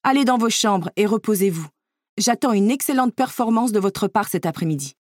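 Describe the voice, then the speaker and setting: Storybook stepmother, strict and exacting, raised pitch and volume; a woman reader puts her on. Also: expressive, fairly quick, a little mellow, dry recording, studio quality, natural voice. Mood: stern. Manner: bossy, exacting, commanding. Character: strict demanding stepmother, haughty noblewoman.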